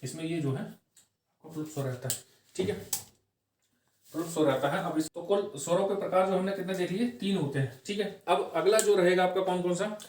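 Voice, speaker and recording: A man teaching grammar for exam prep, posing questions and answering them himself, repeating key phrases slowly and tagging lines with "okay". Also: high voice, darkish tone, a little hiss or hum. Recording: echoey room, voice from far off the mic.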